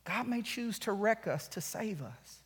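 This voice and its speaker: A man with a strikingly high voice preaches from the pulpit, earnest and urgent by turns. His words ring out through a church sanctuary with a long, lingering reverb. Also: expressive, measured pace, fairly bright tone, slightly rough. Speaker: pastor. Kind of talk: sermon.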